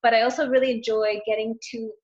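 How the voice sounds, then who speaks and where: A woman's voice: on the high side, flat delivery, fast talker, darkish tone. A middle-aged woman, a guest coach, chatting casually in an interview, rambling and laughing often. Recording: roomy, dull lo-fi sound.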